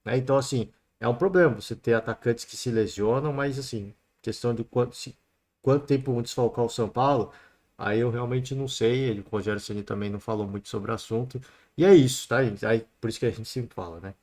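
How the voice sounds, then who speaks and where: Alone on his sports podcast, this Brazilian-accented man chats casually about football, peppering his talk with "né" and "cara." He speaks fast in a mid-range, slightly mellow voice.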